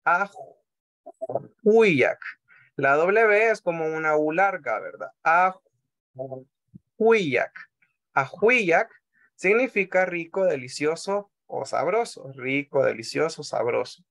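A man with a Salvadoran Spanish accent teaching a language class over a video call, patient, often repeating words slowly and checking in with the class. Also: fairly high pitch, animated, vocal fry, fairly bright tone.

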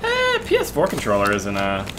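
A young man co-hosting a casual snack-tasting chat, animated and sarcastic in his ribbing. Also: lowish voice, normal speed. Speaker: co-host. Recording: noisy home stream recording.

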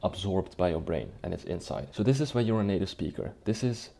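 Standing at a whiteboard in a small, dim indoor room, a young native Dutch speaker who runs a language-learning YouTube channel explains things casually, often asking "right?" and "okay?". His low voice is warm and animated, fairly quick, with some vocal fry.

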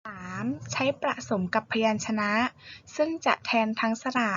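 A woman teacher giving a reading lesson, speaking slowly and spelling out each sound for her students. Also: on the high side. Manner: slow, deliberate, spelling out sounds. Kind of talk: classroom lesson on reading aloud. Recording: dull lo-fi recording.

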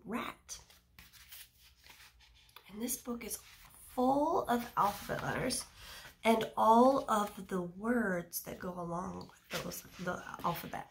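Her voice is medium in pitch with a creaky quality. She is a teacher in her thirties reading a picture book to young children, keeping explanations simple and putting questions to them.

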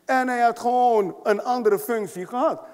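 High-voiced man preaching in a reverberant hall. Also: moderate pace, a little mellow. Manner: emphatic, repeats points with rhetorical questions. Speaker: apostle preaching. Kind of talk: sermon. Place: church hall with congregation.

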